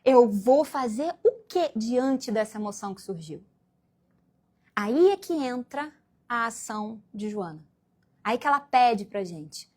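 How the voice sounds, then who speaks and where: A woman's voice: a little high, darkish tone. A woman from Brazil giving a spiritual lecture to a congregation, acting out little scenes in different voices as she goes. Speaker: guest speaker at a Spiritist meeting.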